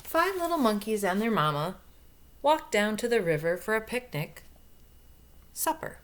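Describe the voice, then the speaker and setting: A woman reads a picture book aloud to young children, expressively, pausing for explanations and questions along the way. Her medium-pitched, fairly bright voice swings widely in pitch at a moderate pace, with slight background noise.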